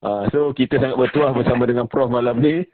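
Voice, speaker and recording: A man in his thirties hosts a live-stream interview in a mid-range voice. He keeps the talk loose and chatty, dropping fillers and quick laughs. The sound is close and dry, with no room echo. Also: medium pitch, steady tone, phone-quality sound. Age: 30s. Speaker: host.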